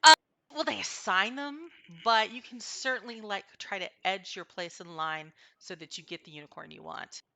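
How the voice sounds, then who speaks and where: Acting as game master for a tabletop fantasy game, a woman narrates and improvises haltingly, thinking aloud as she goes. Her medium-pitched voice is creaky and bright with a forceful tone. The audio quality is poor.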